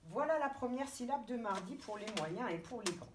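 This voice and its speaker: A woman kindergarten teacher with a French accent giving a remote lesson to young children, spelling out letters and syllables slowly and clearly. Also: on the high side, animated. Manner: slow, deliberate, stretching out syllables and letters. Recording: distant mic with faint background noise.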